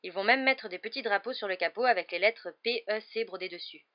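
A woman's voice: medium pitch, a little fast, lightly acted. A woman voicing a cheeky, teasing teenage boy in a storybook reading, with a slightly dull recording. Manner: teasing, mock-serious.

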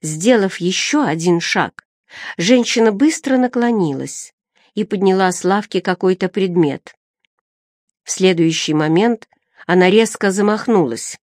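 A woman narrating a storybook in a steady, expressive reading voice, recorded on a close mic. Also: on the low side, dry recording. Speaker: audiobook narrator. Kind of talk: scripted narration.

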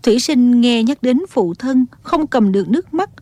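A woman's voice: a little high, animated, normal speed, dark tone, no room sound. Woman narrating a martial-arts audiobook.

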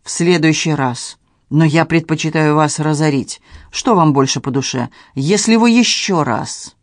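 A ruthless, calculating woman, as a male reader puts her on, spoken low and controlled with a quiet menace. The voice sits a little high for a man and sounds dry and close, with no room around it. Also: unhurried, dry recording. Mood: cold, commanding.

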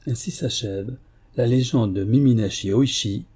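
Husky, mellow male storyteller. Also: mid-range voice. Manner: measured storytelling delivery. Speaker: audiobook narrator. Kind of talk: scripted narration.

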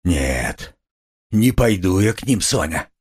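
A man's voice: low voice, very animated, slow pace, a little mellow, slightly rough, voice pushed down, full character voice. A man voicing a tormented, bitter young man who speaks in a brooding, irritable confession in an audiobook. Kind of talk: audiobook character reading.

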